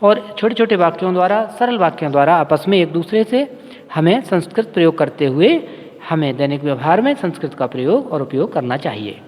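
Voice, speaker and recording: Male teacher, slow careful drilling, animated pitch, long hall reverb. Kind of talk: classroom lesson.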